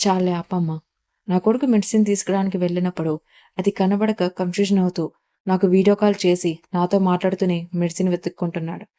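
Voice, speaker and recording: A woman's voice: fairly low pitch, fairly even intonation, fast talker, warm tone, lightly acted. A woman reading the part of a stern middle-aged mother who scolds while defending her son.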